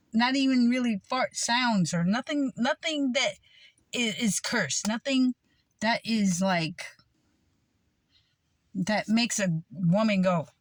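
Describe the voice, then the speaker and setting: Woman, rambling religious monologue, unhurried delivery, dead-dry sound. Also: fairly high pitch, no room sound. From United States. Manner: meandering, with frequent fillers and repetition. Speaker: self-styled preacher.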